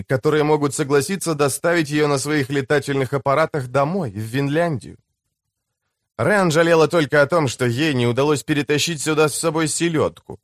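A man's voice: on the high side, no room sound. Man narrating an audiobook, dry sound. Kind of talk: scripted narration.

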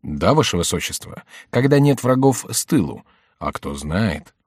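A man's voice: lowish voice, sing-song, moderate pace, darkish tone, breathy edge, dry recording, studio quality. Man voicing a cautious loyal servant. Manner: cautious, deferential.

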